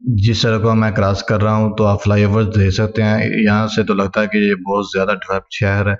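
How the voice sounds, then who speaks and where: A man's voice: fairly low pitch, flat delivery, brisk, dull audio. A young man, chatting to viewers as a travel vlogger while riding a motorbike outdoors, filmed on an action camera. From Pakistan. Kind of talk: casual travel vlog narration.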